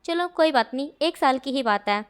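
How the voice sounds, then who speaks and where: A woman's voice: high-pitched, expressive, moderate pace. A woman voicing a blunt, hot-headed young guy. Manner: blunt, exasperated. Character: bold, hot-headed young male student.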